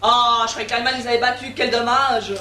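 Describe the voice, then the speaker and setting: A woman's voice: a little high, little pitch movement, quick pace, sharp tone, a little hiss or hum. A woman playing a brazen, mercenary young woman. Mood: cheeky. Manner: cheeky, cynical. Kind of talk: amateur stage comedy. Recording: echoey stage from far off.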